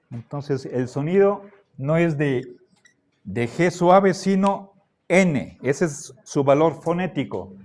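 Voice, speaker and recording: Slow, patient man lecturing. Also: a little high, darkish tone. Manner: slow, patient, checks in with frequent "¿sí?" and "¿ya?". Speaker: philosophy teacher. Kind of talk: classroom lecture.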